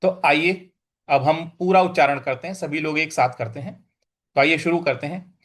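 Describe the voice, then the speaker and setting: A man teaching Sanskrit verse recitation, repeating each word slowly and explaining its pronunciation in between, with some lines chanted. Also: a little high, a bit bright. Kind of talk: slow, syllable-by-syllable recitation lesson.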